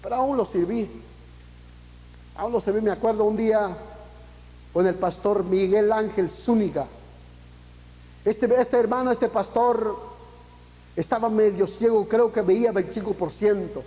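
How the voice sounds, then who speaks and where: A pastor preaches with fervor, his fairly high man's voice climbing to emphatic peaks as he fires off rhetorical questions. He slips casual English phrases into the sermon. The recording carries the long, ringing echo of a church hall. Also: measured pace, pauses often, mellow.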